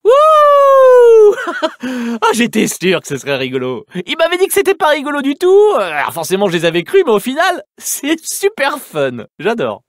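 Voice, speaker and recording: A man's voice: very high voice, huge pitch swings, moderate pace, no room sound, clean studio sound, heavily acted. A man voicing a chatty, nervous male robot sidekick in a dubbed video game, rambling with hesitations. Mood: giddy.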